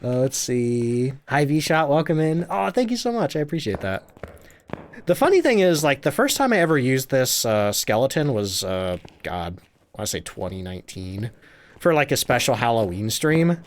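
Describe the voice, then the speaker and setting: Man, game streamer, chatty, laughs a lot, bouncy animated pitch. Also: moderate pace. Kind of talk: live gameplay commentary, reading chat.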